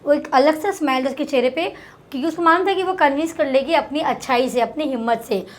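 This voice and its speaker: A woman tutor with an Indian accent, reading English lines slowly and explaining them in Hindi. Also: high-pitched. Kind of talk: explaining a textbook lesson.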